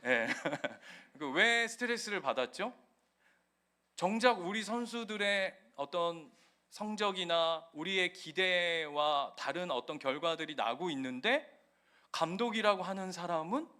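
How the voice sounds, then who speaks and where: A male pastor preaches a sermon in a church with a high, bright voice. He talks in an animated way and acts out the scenes he describes. The tone stays forceful and clear throughout. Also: unhurried.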